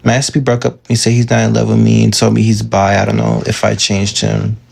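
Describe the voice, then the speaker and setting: Male streamer, husky and gravelly, chatty advice-giver reading out comments. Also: fairly low pitch, monotone, fairly quick, darkish tone. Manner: chatty, filler-heavy, reads out comments and answers them. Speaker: manifestation coach answering viewer questions. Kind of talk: casual live-stream advice.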